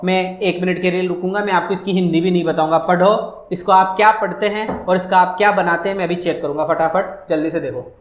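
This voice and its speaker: A man's voice: sits high, fairly even intonation, fairly quick, few pauses, echoey room. A man teaching a phonetics lesson, repeating each point and asking questions that he answers for his students. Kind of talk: online exam-prep phonetics lesson.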